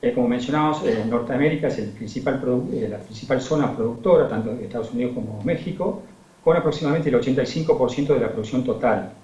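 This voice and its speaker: Argentine-accented male researcher, measured technical talk with many fillers, muffled video-call audio with room echo. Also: mid-range voice, dark tone. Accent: Argentine Spanish. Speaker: agronomy researcher.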